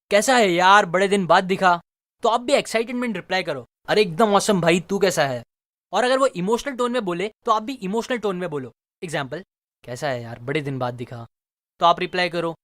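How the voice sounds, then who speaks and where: A man narrating a book summary, explaining clearly and speaking directly to the viewer. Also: high voice, fairly bright tone, no echo, clean studio sound.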